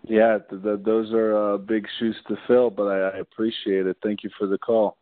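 Polite young guy calling in, lowish voice, thin dry phone sound. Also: little pitch movement, moderate pace. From Israel. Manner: polite, modest, slightly hesitant. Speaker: caller, accountant. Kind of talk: casual phone interview. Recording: dry tinny phone line.

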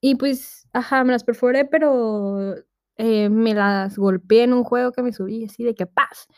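A young woman of nineteen with a Mexican accent talks through her stories on a casual podcast. Her voice sits a little high, and she talks in a loose, slang-heavy way, slipping into the voices of the people she quotes. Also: fairly even intonation, measured pace, no room sound, studio quality. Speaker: podcast host. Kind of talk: casual storytelling monologue.

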